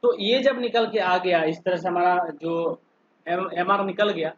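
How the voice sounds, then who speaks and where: In lo-fi audio with a bit of background noise, a man with a high voice lectures an online polytechnic engineering class. He proceeds slowly, step by step, repeatedly asking his students questions to keep them involved.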